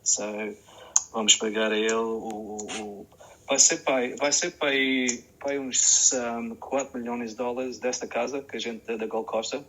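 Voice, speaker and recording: A man hosting a casual online chat, halting and repeating words as he searches for them. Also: mid-range voice, steady tone, a bit bright, rough recording. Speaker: show host.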